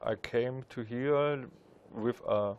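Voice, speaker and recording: A sales manager speaking slowly, searching for his words. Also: medium pitch, darkish tone, smooth, lo-fi sound.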